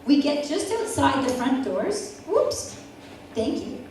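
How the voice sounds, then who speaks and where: A woman in her forties telling a personal story at an event, with vivid, dramatic pauses. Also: high voice, very animated, a little mellow, slight background noise. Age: 40s. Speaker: event speaker. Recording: echoey hall from far off, faint ambience.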